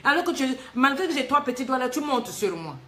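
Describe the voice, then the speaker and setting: A woman life coach talks live in a lively, teasing way. Her voice sits a little high, and she keeps throwing rhetorical questions back at her listener. The delivery stays emphatic throughout. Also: fairly quick. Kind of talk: live advice talk reading a letter.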